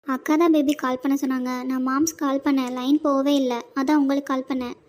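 A woman voicing an anxious younger sister in a cartoon, hushed and worried. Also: high voice, flat delivery, quick pace, lightly acted.

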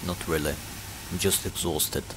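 A man's voice: low-pitched, steady tone, normal speed, background noise, natural voice. A man voicing a weary, apologetic steam engine in an amateur train drama.

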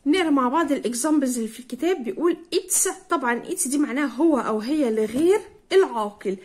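A young woman with an Egyptian Arabic accent, teaching a primary school English lesson. She repeats words and drills them slowly, spelling out letters. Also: high voice, expressive, darkish tone.

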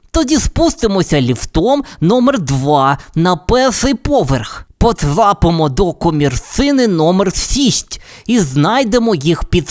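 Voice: medium pitch, a little mellow, voice pushed up. A storyteller voicing a clever little male canary with a burred, lisping way of talking. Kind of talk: storybook character voice.

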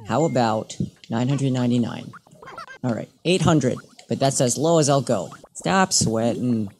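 A man's voice: medium pitch, normal speed, a little mellow, slight background noise. A man giving casual let's-play commentary, playfully haggling and bickering with the characters on screen. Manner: playful, mock-bargaining with game characters. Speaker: gameplay commentator.

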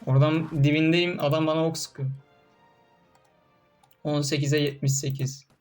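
A man's voice: on the high side, level tone, unhurried, darkish tone, soft background music. Fired-up man commenting on gameplay. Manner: frustrated, swearing, talking to game troops.

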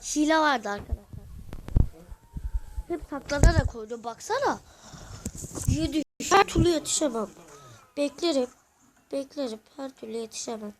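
A host giving live gameplay commentary to viewers, excitable and crying out when losing, asking for likes and subscribes. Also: high-pitched, normal speed, long pauses, a little hiss or hum. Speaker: gaming channel host.

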